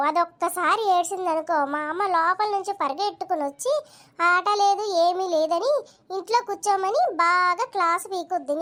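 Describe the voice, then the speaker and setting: A woman's voice: very high-pitched, a bit bright. A woman voicing a young cartoon schoolboy, an elder brother who whines, complains and panics easily. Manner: whiny, complaining, quick to panic. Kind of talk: cartoon voice dubbing.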